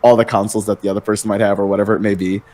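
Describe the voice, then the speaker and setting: A man's voice: lowish voice, flat delivery, rapid-fire, a little mellow. A young man as a podcast guest, chatting casually and telling laid-back stories, with the odd swear word. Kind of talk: casual chat.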